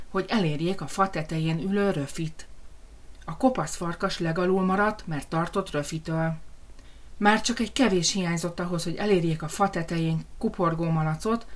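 A woman reading a children's fairy tale aloud in a lively, expressive storytelling manner. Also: on the low side.

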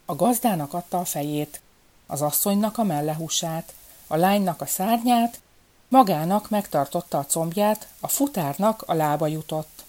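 A woman narrating a folk fairy tale in a calm, measured storytelling manner. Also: fairly low pitch.

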